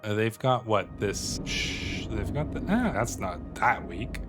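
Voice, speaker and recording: Over background music, a gaming host offers casual play-by-play and reads the on-screen text out loud. His voice is lowish and animated, and he keeps an unhurried, measured pace.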